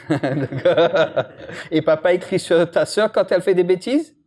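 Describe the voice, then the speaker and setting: The speaker is an imam whose fairly high voice moves at a measured pace. He keeps his informal religious lesson lively, trading jokes with the audience and asking it questions.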